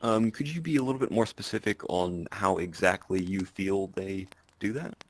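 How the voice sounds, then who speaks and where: Male interviewer, very low voice, short plain questions. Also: moderate pace. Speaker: interviewer, host.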